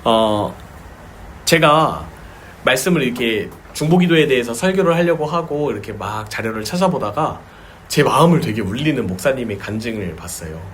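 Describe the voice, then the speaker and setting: A man's voice: medium pitch, expressive, normal speed, fairly bright tone, slight background noise. A man preaching a sermon as a pastor at a small home church, telling stories with vivid sound words and acted cries.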